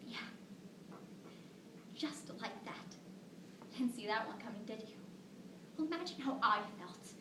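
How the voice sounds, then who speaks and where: A woman's voice: fairly high pitch, expressive, quick pace, few pauses, lightly acted. Woman acting a sorrowful tragic young mother, distant and echoing. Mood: stunned grief. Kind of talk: dramatic monologue performed at a competition. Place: echoing room, recorded from a distance. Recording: roomy, distant mic with faint noise.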